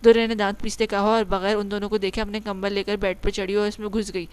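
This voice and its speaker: A woman narrating an audio novel in a smooth, clear voice. Her pitch stays fairly flat as she reads on steadily. She corrects the odd stumble mid-sentence. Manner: steady reading with small slips and self-corrections. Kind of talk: reading a romance novel aloud.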